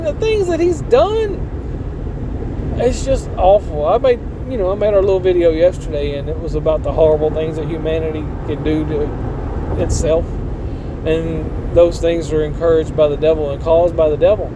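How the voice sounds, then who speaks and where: A man giving a casual, earnest, preachy vlog monologue in a folksy, colloquial way. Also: high-pitched. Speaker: channel host. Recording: clear vehicle and outdoor noise.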